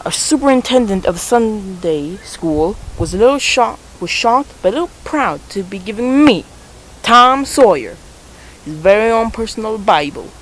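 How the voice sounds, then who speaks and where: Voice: mid-range voice, lively intonation, moderate pace, a bit bright, slight background noise, natural voice, poor audio. A student voicing Tom Sawyer, a bold boy retelling his adventures in a school character play. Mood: proud.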